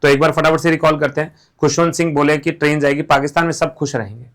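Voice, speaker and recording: Man, somewhat high pitch, playful exam-prep teacher, casual mnemonic storytelling. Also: fairly even intonation, fast, a bit bright. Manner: playful, acts out silly memory stories. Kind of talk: mnemonic lesson, casual classroom talk.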